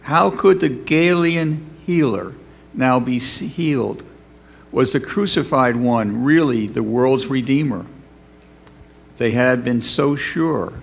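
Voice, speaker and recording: Slow, solemn male narrator. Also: medium pitch, vocal fry. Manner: solemn, declamatory. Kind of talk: scripted dramatic narration of a Bible story.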